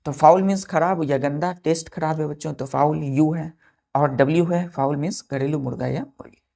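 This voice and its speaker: A woman's voice: low voice, moderate pace, vocal fry, dark tone. A woman teaching a vocabulary class, spelling words letter by letter, asking the class questions and answering them herself.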